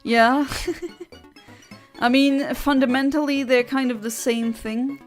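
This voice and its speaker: A woman's voice: high-pitched, fairly even intonation, takes it slowly, soft background music. Chatty woman on a livestream headset. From Luxembourg. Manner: chatty, giggly, rambling with restarts. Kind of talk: casual chat reading out viewer comments.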